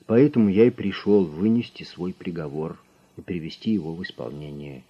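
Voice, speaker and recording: A man voicing a calm, grim male detective who speaks in a measured, menacing way, on a slightly muffled recording. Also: deep voice, natural voice.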